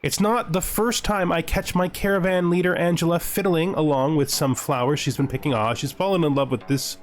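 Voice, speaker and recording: A gaming host with a somewhat high voice talks at a fairly quick clip while he plays. He muses in brief, casual remarks, plays along in character in the first person, and reads bits of the game's text aloud from time to time.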